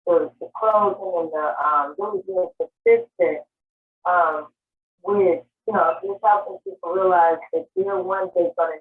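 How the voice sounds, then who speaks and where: A woman's voice: on the low side, fairly even intonation, a little slow. A woman speaking hesitantly on a team call over a muffled speakerphone or earbuds. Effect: muffled speakerphone or earbud sound. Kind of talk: casual chat. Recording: tinny muffled phone-call audio.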